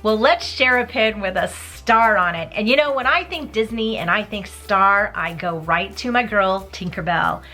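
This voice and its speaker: Woman, enthusiastic collector vlog host, bright forward voice, light music underneath. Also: medium pitch, normal speed, few pauses. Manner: gushing, enthusiastic, chatty. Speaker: pin collector vlogger. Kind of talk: casual show-and-tell vlog.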